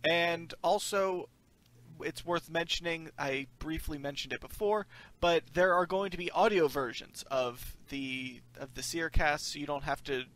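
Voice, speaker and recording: A man's voice: fairly high pitch, unhurried, fairly bright tone. A man hosting a casual podcast chat, introducing the panel and making announcements. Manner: chatty, running the show with announcements. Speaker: podcast host.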